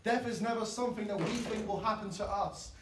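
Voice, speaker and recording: Earnest young preacher, echoey and distant. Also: male voice, high voice, fairly even intonation, fairly quick, noisy background. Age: 20s. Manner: earnest, pleading, swells loud then drops soft. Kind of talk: sermon. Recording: echoey, from far off.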